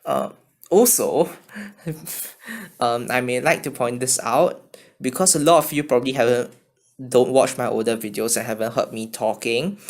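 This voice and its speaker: A man from China with a mixed Chinese and Singaporean accent, answering viewer questions in a casual vlog, hesitant and apologetic, recorded on a phone. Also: medium pitch. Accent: mixed Chinese and Singaporean English. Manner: hesitant, halting, often apologetic.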